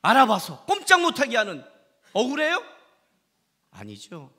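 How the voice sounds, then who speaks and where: Animated, high-pitched man preaching. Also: moderate pace, breathy edge. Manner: animated storytelling with acted-out quotes. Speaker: pastor. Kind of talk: sermon. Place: church worship service.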